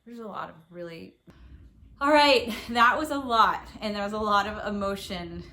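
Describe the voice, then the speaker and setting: A middle-aged woman chatting casually and from the heart as a vlogging mother, halting and emotional as she shares her feelings. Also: mid-range voice, bright, forceful tone. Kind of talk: casual, heartfelt vlog chat.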